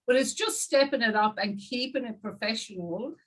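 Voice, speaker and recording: An Irish woman hosting an interview over a video call, chatting in a lively way and speaking straight to her viewers. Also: on the high side, moderate pace. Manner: lively, addresses viewers directly. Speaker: host. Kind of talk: casual interview chat.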